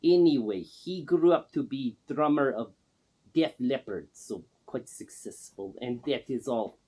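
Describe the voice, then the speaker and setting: A man playing an eccentric self-proclaimed pop star with a put-on Russian accent, speaking in broken English with a deadpan, boastful manner. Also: medium pitch, unhurried, close to an everyday voice. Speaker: interviewee.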